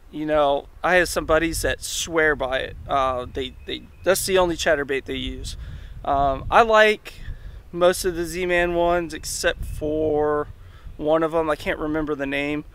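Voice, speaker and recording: A man's voice: on the high side, clear, resonant tone. A man, talking casually to an action camera outdoors about fishing, rambling with fillers. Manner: excited exclamations while landing fish, relaxed rambling with fillers. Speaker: kayak fishing vlogger. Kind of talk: casual vlog talk to camera. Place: outdoors, on a kayak on a lake and in woods. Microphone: action camera, close selfie framing.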